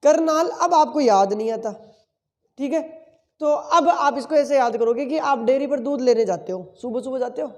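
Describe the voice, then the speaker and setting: A man's voice: extremely high pitch, normal speed, a little mellow, big-room sound. A male teacher giving an exam-prep lesson full of memory tricks, asking questions and answering them himself and repeating key words several times.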